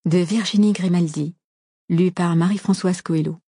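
A woman narrates a novel in a calm, measured audiobook read. Her voice sits low and mellow with a slightly husky grain. The close studio recording is completely dry. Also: no echo. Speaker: audiobook reader. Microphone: close studio microphone.

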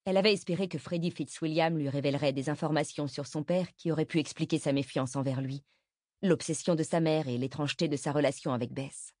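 A woman reading a novel aloud as narrator, in an even, measured manner. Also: low-pitched, no room sound, clean studio sound. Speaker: audiobook narrator. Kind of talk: scripted narration.

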